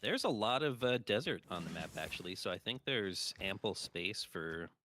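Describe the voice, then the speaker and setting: A low-voiced man co-casting a strategy game stream, with a bright, forceful tone. He explains rules and outcomes in a lively, upbeat way. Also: normal speed, a little hiss or hum. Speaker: co-caster.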